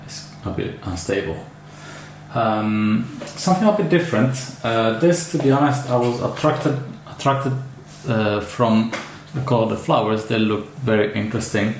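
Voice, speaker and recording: Italian man with a low, gravelly voice. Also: moderate pace. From Italy. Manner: hesitant, many fillers and restarts, chatty asides. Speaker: orchid grower. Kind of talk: casual unboxing vlog. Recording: echoey room with faint ambient noise.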